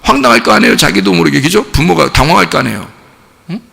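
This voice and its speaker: A pastor preaching a sermon in an animated way, sometimes rising to shouts. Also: male voice, a little high, fast talker, vocal fry, long reverb tail. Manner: animated preaching, acts out quoted voices; rises to shouting at climaxes. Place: church sanctuary.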